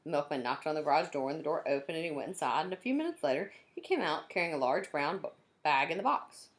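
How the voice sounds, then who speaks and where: Reading a children's chapter book aloud at a quick pace, a woman teacher uses a low voice with lively intonation. She breaks in now and then with friendly comments for the young children listening.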